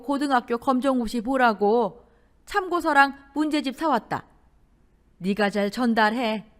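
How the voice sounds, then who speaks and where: A woman voicing a snobbish, haughty middle-aged future mother-in-law who scolds loudly in a radio drama. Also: a little high, voice pushed up. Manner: scolding, condescending, loud.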